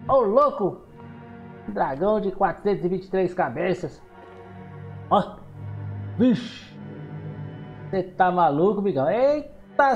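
Excitable Brazilian man playing a horror game. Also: high voice, gravelly, lo-fi sound. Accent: Brazilian Portuguese. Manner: excitable, exclaims and talks back to game characters. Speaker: gameplay streamer.

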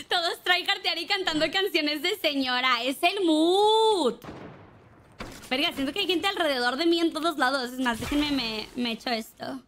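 A woman's voice: high-pitched, lively intonation, measured pace, fairly bright tone. A young woman with a Mexican accent, streaming a game and chatting casually, swearing and singing along now and then. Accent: Mexican Spanish.

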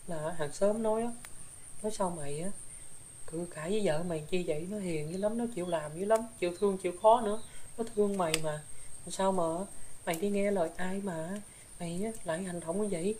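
A woman's voice: lowish voice, mellow, a little hiss or hum, close to an everyday voice. A woman with a Southern Vietnamese accent voicing the ghost of a young woman, a gossip who now regrets her deeds, rambling through her story with filler particles. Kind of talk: spirit possession drama.

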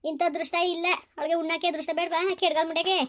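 A woman's voice: extremely high pitch, little pitch movement, fast talker. A woman playing a grieving mother-in-law in a village skit, scolding and pleading with repeated questions. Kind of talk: village comedy skit acting.

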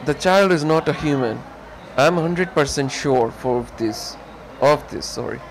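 A woman's voice: low voice, slight background noise. A man reading out the lines of a female lightning mage as she gives her mission report, in his own plain voice.

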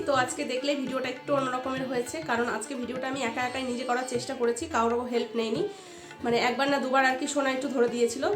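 A young woman, a chatty family vlogger talking to viewers as friends at home. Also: high-pitched. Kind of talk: casual chat to viewers. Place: home, kitchen and bedroom. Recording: echoey room with background music.

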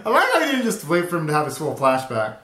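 A man's voice: fairly high pitch, wildly swooping pitch, fast talker, bright, forceful tone. A young man giving casual, slangy and exclamatory reaction commentary as a video host, recorded in a small bedroom. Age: young adult. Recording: roomy, echoey bedroom sound.

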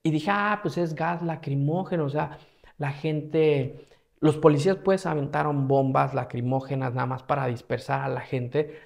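Pitched a little high with vocal fry, this Mexican man talks at normal speed in a Mexican Spanish accent. He's a travel vlogger spinning a casual, slang-filled, animated story and acting out how he reacted.

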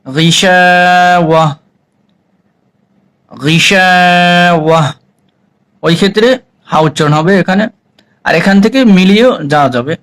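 A man leads a recitation lesson, breaking each word into letters and vowel marks before he chants it whole. He talks very slowly and draws the syllables out, in a voice that sits a little high for a man. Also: animated, fairly bright tone, poor audio. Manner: slow, drawn-out syllable-by-syllable spelling and chanted recitation. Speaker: Quran reading teacher.

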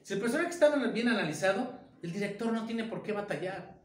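A man's voice: high-pitched, lively intonation, a little fast, reverberant. A man, a theater director teaching an informal acting lesson and firing off many rhetorical questions.

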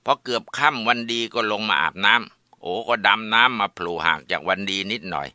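A man tells a village folk tale in a plain, steady way. His voice is low-set yet bright and tense, and the recording is dry and close. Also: fairly quick, dry recording. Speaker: storyteller.

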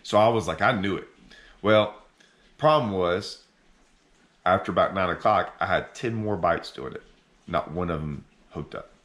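A middle-aged man hosting a fishing channel, talking casually to camera from his living room couch, animated and full of restarts as he thinks aloud. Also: low-pitched, normal speed, long pauses. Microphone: camera in front at sitting distance.

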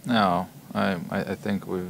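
A young hockey player with a low, gravelly voice answers postgame press conference questions into table microphones, in a press room in front of a logo backdrop. His delivery is flat and a bit bright, and he halts often with many ums and repeated words. There's slight background noise.

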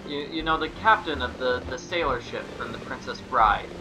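A man's voice: medium pitch, moderate pace, music in the background, low-quality recording. A man giving casual, off-the-cuff commentary as host of a video game playthrough. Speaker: let's play host.

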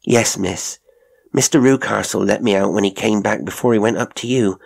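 A man's voice: on the low side, moderate pace, vocal fry, a little mellow, voice pushed up. A man voicing a gaunt servant woman in an audiobook, deferential and plain-spoken, with rustic turns of phrase. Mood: earnest, knowing. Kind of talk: audiobook character acting.

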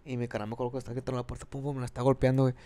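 In a casual storytelling chat, a twenty-something podcast host from Monterrey rambles through a long tale at a fast clip, full of slang and animation. His northern Mexican accent comes through in a voice pitched around the middle.

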